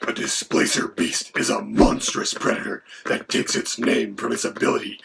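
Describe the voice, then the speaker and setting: A man voicing a menacing male dragon who co-hosts, with a gravelly, whispery voice. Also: mid-range voice, normal speed, fairly bright tone. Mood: matter-of-fact. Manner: mock-menacing, then lecturing in turn with the host. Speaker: co-host. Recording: background noise.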